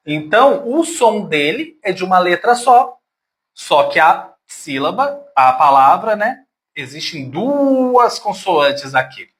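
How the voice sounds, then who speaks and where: A man's voice: sits high, fairly bright tone. A man teaching a grammar lesson to his pupils, patient and affectionate, sounding words out syllable by syllable.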